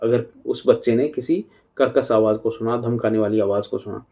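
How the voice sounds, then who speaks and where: Middle-aged male spiritual teacher, unhurried talk, soft dark tone. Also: mid-range voice, fairly even intonation. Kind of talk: devotional talk on parenting.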